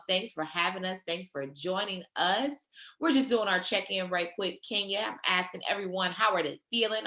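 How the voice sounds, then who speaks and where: On a video call, a woman trainer leads a virtual session, her fairly low voice slightly hoarse from a sore throat yet pushed and bright. She talks encouragingly and conversationally, and the room is echoey.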